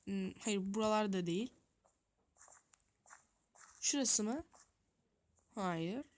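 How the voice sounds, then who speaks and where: A woman giving running gameplay commentary, thinking aloud, talking straight to her viewers and muttering to herself in a flustered way. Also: a little high. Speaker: gaming youtuber.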